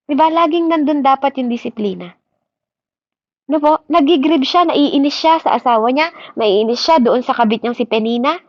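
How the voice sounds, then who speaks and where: A woman's voice: high voice, moderate pace, no echo. A woman preacher delivering a sermon, switching between Tagalog and English and asking her listeners "di ba?" after nearly every point. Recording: dry, slightly dull recording.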